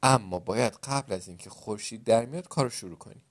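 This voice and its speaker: A man voicing a practical older brother in a spoken folk tale, reasoning and giving in. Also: on the low side. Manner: reasoning, gives in then insists. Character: patient, practical older brother, a grown farmer.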